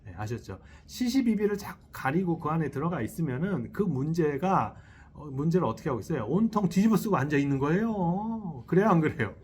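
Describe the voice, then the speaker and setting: A man's voice: fairly high pitch, fairly quick, slight background noise. A man, a Buddhist monk, giving a dharma talk who keeps questioning his listeners and chuckles as he acts out inner thoughts. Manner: lively, asks the audience questions and checks in often; chuckles while acting out little inner voices. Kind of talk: sermon. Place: temple hall. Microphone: selfie-style camera.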